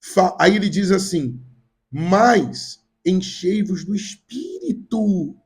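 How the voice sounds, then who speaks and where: A high-pitched, husky Brazilian pastor with a Rio de Janeiro accent takes his time preaching, yet stays animated. He has a cold and delivers a repetitive, emphatic sermon addressed straight to his congregation.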